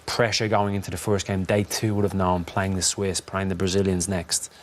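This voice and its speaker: A man's voice: low voice, level tone, normal speed. A man giving post-match football analysis as a pundit, delivering blunt, firm verdicts.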